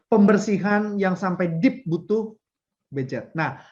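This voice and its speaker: A man's voice: sits high, slow, crowd noise. Man hosting, slightly muffled sound. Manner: asks questions in a relaxed, prodding way. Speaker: podcast host. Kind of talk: casual podcast interview.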